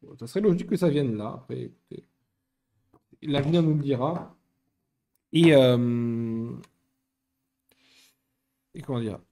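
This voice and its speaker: A man's voice: medium pitch, measured pace, long pauses, dark tone. A young man chatting casually while building Lego, rambling and often correcting himself.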